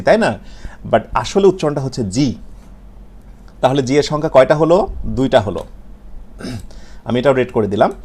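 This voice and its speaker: Lively Bengali-accented man teaching English letters. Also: medium pitch. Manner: repeats sounds slowly, asks and answers his own questions. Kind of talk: video lesson on English letters and pronunciation.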